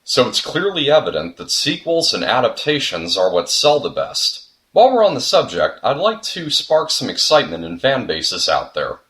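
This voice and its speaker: A man's voice: medium pitch, huge pitch swings, moderate pace, fairly bright tone. A young man narrating a scripted video essay, earnest and reflective, with the odd sudden comic outburst.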